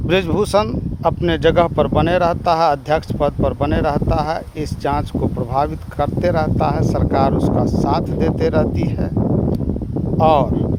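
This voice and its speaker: A man's voice: a little high, very noisy. A man delivering an impassioned, indignant political monologue, full of rhetorical questions and long lists. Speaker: political commentator.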